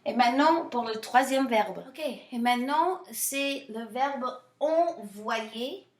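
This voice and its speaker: A woman French teacher explaining verbs in English and French, slowly modeling pronunciation with playful asides. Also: fairly high pitch, lively intonation, reverberant. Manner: slow, drawn-out model pronunciation. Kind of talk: bilingual French lesson.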